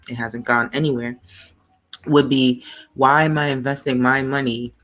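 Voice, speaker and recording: A woman co-hosting a casual podcast discussion, pressing her point with persistent questions and interruptions. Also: a bass voice. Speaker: podcast co-host.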